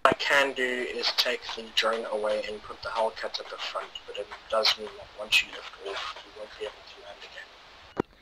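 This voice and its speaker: A man's voice: lowish voice, little pitch movement, normal speed. A man acting as commander in a game, heard over a radio channel and talking casually with hesitant fillers. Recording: noisy radio line with clicks.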